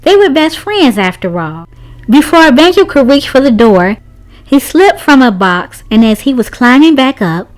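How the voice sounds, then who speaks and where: In this low-quality recording, a woman narrates a children's storybook aloud at a moderate pace. Her fairly high voice swings up and down in a very lively way, and her expressive reading is aimed at young listeners.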